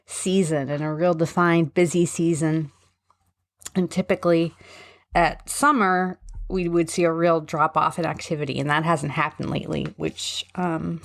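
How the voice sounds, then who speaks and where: A middle-aged American woman chatting casually as a podcast host, rambling and hesitant, with a slight lisp from braces. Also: on the low side. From suburban Philadelphia, US. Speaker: podcast host, special education advocate. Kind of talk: casual solo podcast talk.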